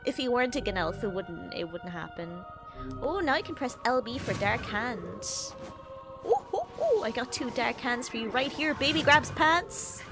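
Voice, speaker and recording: Over music, a sniffly woman streaming a game jokes around with her chat, teasing them and cursing freely. She speaks at a normal speed in a fairly high, very animated voice during this casual gameplay livestream.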